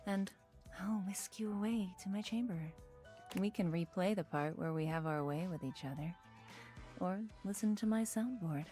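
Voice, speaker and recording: Actress as a clingy, lustful game seductress, breathy and sultry, faint music under her. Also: mid-range voice, moderate pace, mellow, close to an everyday voice.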